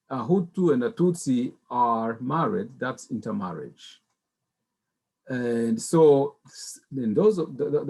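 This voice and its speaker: A middle-aged man from Rwanda speaks as a panelist, his voice mellow and relaxed at an ordinary pitch. He talks in a measured, halting way and often restarts his words. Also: breathy edge. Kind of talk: personal testimony on a panel.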